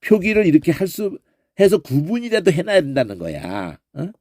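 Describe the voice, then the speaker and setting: Lively man teaching pronunciation. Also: fairly high pitch, fairly quick, no echo, studio quality. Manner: demonstrates sounds aloud, frequent "어?" check-ins. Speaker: Bible language teacher. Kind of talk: informal pronunciation lesson.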